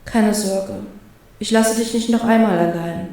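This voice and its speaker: A woman's voice: mid-range voice, steady tone, unhurried, close to an everyday voice. A woman reading a protective pirate brother. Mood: earnest, caring. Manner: serious, quiet, caring. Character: protective young male pirate, older-brother type.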